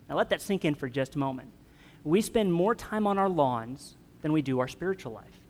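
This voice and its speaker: Pastor preaching in a reverberant hall. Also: male voice, fairly high pitch, animated, normal speed, a little mellow. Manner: conversational, joking with the congregation. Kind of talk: sermon.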